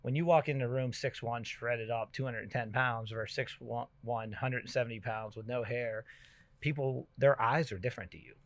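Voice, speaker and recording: Animated middle-aged man telling stories. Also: mid-range voice, normal speed, dry recording. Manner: animated storyteller, loud bursts when excited. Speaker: podcast host. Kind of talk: casual chat.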